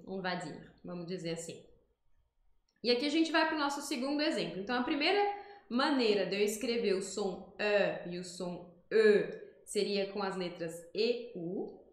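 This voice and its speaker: A woman from Brazil teaching an online French lesson, her voice sitting a little high. She explains each sound patiently and slowly repeats the words so learners can copy them. The room around her microphone gives a noticeable echo. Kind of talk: online language lesson with screen demonstrations.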